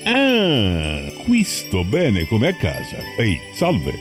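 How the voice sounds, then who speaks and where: An actor playing a jolly, bumbling old Santa Claus in a hammy, exclamatory comic radio promo. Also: male voice, lowish voice, wildly swooping pitch, slow, full character voice. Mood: cheerful. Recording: music bed with jingle bells behind.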